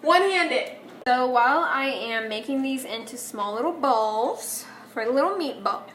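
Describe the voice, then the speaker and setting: Cooking in her home kitchen, a young female vlogger talks directly to her audience in a chatty, self-mocking way. Her voice sits high and sounds expressive and fairly bright, moving at a moderate pace over slight background noise.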